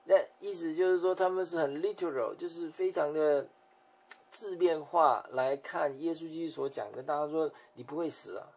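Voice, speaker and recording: A male pastor delivers a sermon in a gravelly, husky voice, explaining scripture patiently with frequent softening tag particles. The recording sounds dull and lo-fi. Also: fairly high pitch, fairly even intonation, moderate pace.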